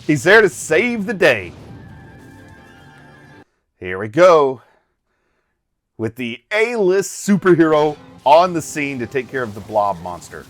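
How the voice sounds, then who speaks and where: Animated middle-aged man reacting casually. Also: mid-range voice, slow pace, pauses often, soft background music. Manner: exclamatory, chuckling, jokey. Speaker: reaction host. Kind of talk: casual running reaction commentary.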